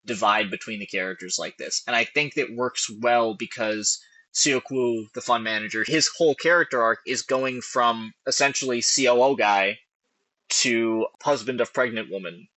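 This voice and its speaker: Podcast co-host, male, bright and dry, chatty and animated. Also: mid-range voice, normal speed, no room sound, rough recording. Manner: animated, filler-heavy, restarts often. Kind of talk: casual film analysis chat.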